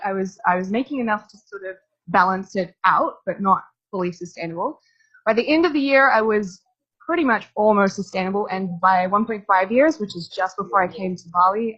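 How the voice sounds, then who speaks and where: A woman's voice: medium pitch, fairly bright tone, breathy edge, dull audio. A young woman from New Zealand giving a casual, chatty workshop talk to a live audience, with lots of fillers. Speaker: workshop speaker.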